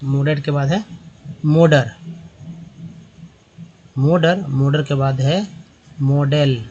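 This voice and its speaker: Slow-drilling male teacher. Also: on the high side, fairly even intonation, darkish tone, lo-fi sound, a little hiss or hum. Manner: slow, repeats each word aloud. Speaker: English teacher. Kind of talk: language lesson explaining pronunciation.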